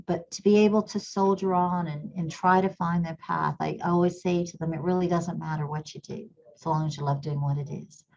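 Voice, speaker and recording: Her voice lowish, creaky and a little mellow, a middle-aged woman who grew up in Kenya talks earnestly in a reflective interview with a slight English accent. She repeats words while gathering her thoughts, and the audio sounds dull.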